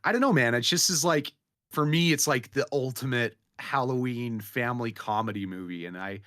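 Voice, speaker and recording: A man's voice: medium pitch, normal speed, a bit bright, dry recording, studio quality. A man co-hosting a movie podcast, talking in a laid-back casual way. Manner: laid-back, says "man" and "dude" often. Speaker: podcast co-host. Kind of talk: casual chat.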